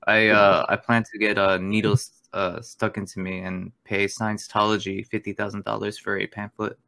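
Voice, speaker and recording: A man in his twenties from Spain, chatting casually among friends, loose and quick to swear and laugh. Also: on the low side, level tone, creaky, bright, forceful tone. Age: 20s. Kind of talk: casual chat.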